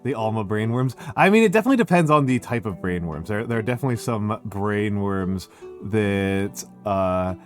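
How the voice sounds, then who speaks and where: A man with a Northeastern American accent chatting as a livestream host in a smooth, measured public-speaker or teacher voice, often halting and repeating his phrases. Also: fairly low pitch, animated. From Northeastern United States. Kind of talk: casual livestream chat. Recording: music behind the voice. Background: music.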